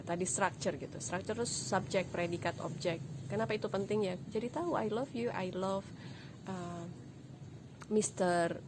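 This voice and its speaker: A woman's voice: on the low side, background noise. Chatty woman giving a casual lesson. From Indonesia. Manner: chatty, joking, mixes English words in. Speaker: English tutor.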